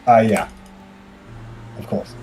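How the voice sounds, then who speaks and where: A man's voice: takes it slowly, a little mellow, a little hiss or hum. A man on team voice chat, chatting casually with dry, amused asides. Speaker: teammate on voice chat.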